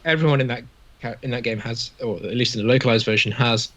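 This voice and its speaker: A man's voice: mid-range voice, quick pace, a bit bright. A British man hosting a casual podcast, putting questions to friends over a video call. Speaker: podcast host. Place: indoor video call from home. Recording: slightly dull video-call audio.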